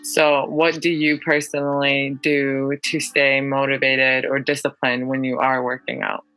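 A young woman hosts a podcast in a casual, friendly way, laughing often and scattering "um" through her questions. Her voice sits low for a woman but has a bright, forward edge. Soft music plays faintly behind her. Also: flat delivery, a little slow, clean tone, dry recording, poor audio. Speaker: podcast host. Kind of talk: casual interview chat.

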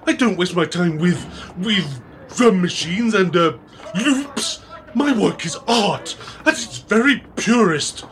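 A man's voice: sits high, animated, takes it slowly, fairly bright tone, full character voice. A man playing a pompous, peevish composer in a comedy sketch, haughty and dramatic. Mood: haughty, affronted. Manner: haughty, dramatic, easily affronted. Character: pompous, peevish male composer and self-styled artiste. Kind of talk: comedy audio sketch acting.

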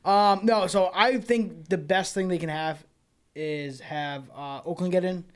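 A man with a fairly high voice co-hosting a casual sports podcast. He sticks stubbornly to his opinions and rambles through stop-start sentences, in an easy chat between friends. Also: smooth. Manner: stubborn, rambling, halting restarts. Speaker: podcast co-host.

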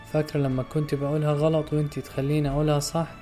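A grieving middle-aged son murmurs to his dying mother, as a male reader puts him on. His voice is soft, choked and pleading, mellow in tone. Faint music sits underneath. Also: fairly high pitch, completely flat delivery, rapid-fire, close to an everyday voice. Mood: tender pleading.

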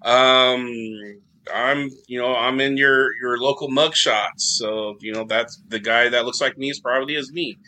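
A man's voice: mid-range voice, fairly even intonation, a little slow, pushed and bright, poor audio. A man appearing as a guest on a casual podcast, rambling and enthusiastic. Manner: rambling, enthusiastic, many restarts.

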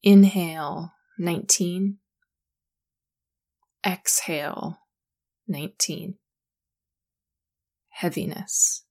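A woman guiding a sleep meditation in a calm, soothing, slow manner. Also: lowish voice. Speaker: meditation guide.

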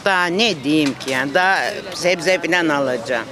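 A woman's voice: low-pitched, normal speed. Woman, street interview at a busy open-air market. Exasperated complainer, crowd behind her. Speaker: market shopper. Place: outdoor neighbourhood street market.

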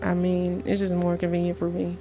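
A middle-aged woman vlogging to her viewers in a casual, storytelling way, excitable and given to dramatic repetition. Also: on the low side, fairly quick, muffled recording, faint music behind.

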